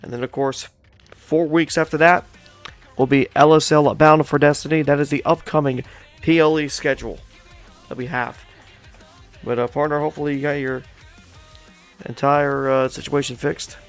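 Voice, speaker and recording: A man hosts an online wrestling show, calling out to the folks and running through the schedule. His voice sits a little high. Soft music plays behind him. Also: steady tone, normal speed, long pauses. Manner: hype announcer tone, addresses folks, chatty with co-host. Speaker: show host and commentator.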